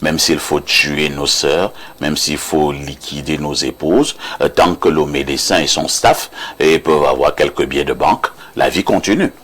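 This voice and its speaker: A man, his voice extremely low and rough with breath. He speaks as a pastor in a studio debate. He jumps in often and turns points into jokes. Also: fairly bright tone. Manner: emphatic, interjecting, quick to joke. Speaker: pastor, panel guest.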